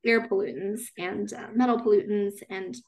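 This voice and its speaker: A young woman from China talking casually after a talk. Her voice sits at an ordinary middle pitch. She restarts her sentences often and keeps checking in with "right?" and "you know". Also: fairly even intonation, moderate pace, a little mellow. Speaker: speaker answering questions after a talk. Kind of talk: casual conversation.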